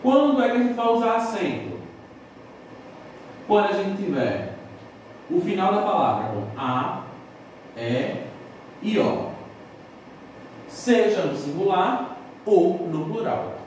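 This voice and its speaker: A man's voice: sits high, big pitch swings, slow, pauses often, a little mellow. A man teaching a recorded Portuguese lesson to a school class, explaining step by step and posing questions that he answers himself. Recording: echoey room, distant mic, faint noise.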